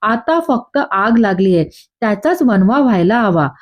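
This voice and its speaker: A woman's voice: medium pitch, sing-song, normal speed. A woman voicing a scheming woman who needles and stirs family trouble. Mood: sly. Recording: dull lo-fi.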